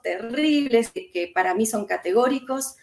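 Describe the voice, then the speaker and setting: With a fairly high, somewhat mellow voice, lively intonation, and vocal fry, this Argentine woman talks at a moderate pace in an echoey room. An author and historian, she thinks out loud during a reflective interview, hesitating often.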